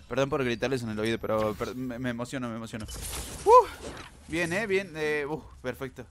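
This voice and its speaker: Excitable man commenting on gameplay. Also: medium pitch, slight background noise. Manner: excitable, talks to the viewers, repeats words rapidly. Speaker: gamer.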